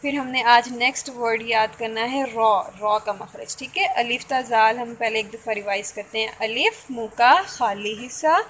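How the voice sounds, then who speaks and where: Woman teacher, bright voice, faint background hiss. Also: fairly high pitch, poor audio. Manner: slow drawn-out recitation of letters; patient, repeats "theek hai" often. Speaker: Tajweed teacher. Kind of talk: online children's lesson.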